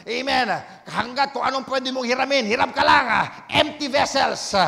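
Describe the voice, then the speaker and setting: A male pastor preaching a sermon in Tagalog and English, swinging between shouted exhortation and hushed storytelling, with frequent amens. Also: very high-pitched, steady tone, normal speed, creaky, big-room sound. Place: church.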